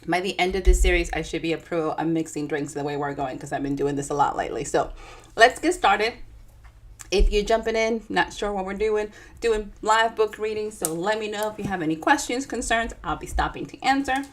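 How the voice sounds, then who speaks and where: A Dominican-accented author chats with viewers during a live session before reading her own book aloud. She's chatty and animated, speaking straight to her audience in a mid-range voice at a slightly quick pace.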